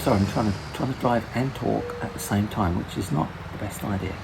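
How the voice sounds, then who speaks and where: A man hosting his own gaming channel, giving relaxed gameplay commentary and often correcting himself mid-sentence. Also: on the low side, brisk, gravelly, noisy background.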